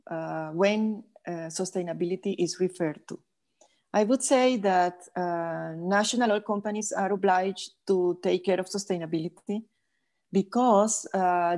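An older woman from Venezuela, a guest geophysicist speaking in a measured, thoughtful way with many pauses over a video call headset. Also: on the low side, a little mellow. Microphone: earphone headset on video call.

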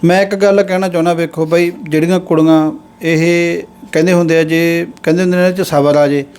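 Earnest Punjabi man, mellow raised voice. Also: fairly high pitch, steady tone, smooth, faint music behind. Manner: earnest, moralizing, speaks in drawn-out phrases. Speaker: interviewer and channel host. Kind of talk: casual street interview and commentary.

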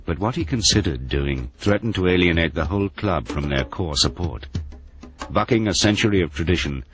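A very deep-voiced man narrates a documentary in a measured, even way. Clear music plays beneath his voice-over. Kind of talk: scripted narration.

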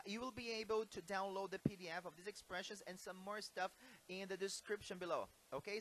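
Upbeat high-voiced man. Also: a bit bright. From Brazil. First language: Portuguese. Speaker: host. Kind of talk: casual video chat. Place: hotel room.

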